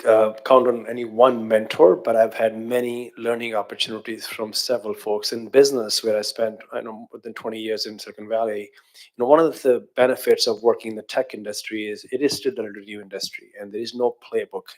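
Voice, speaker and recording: A man's voice: mid-range voice, fairly even intonation, brisk. A man with an ordinary mid-range voice answers a question on a panel. He speaks in a plain, earnest business tone with a few fillers. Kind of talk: panel discussion.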